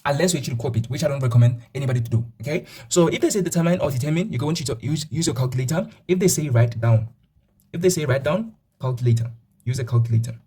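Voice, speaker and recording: A young male math teacher talks quickly through a lesson, thinking out loud and counting points one by one. His voice is dark and somewhat husky. He repeats himself often as he explains. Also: medium pitch. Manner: repetitive, counting aloud, thinks out loud with fillers.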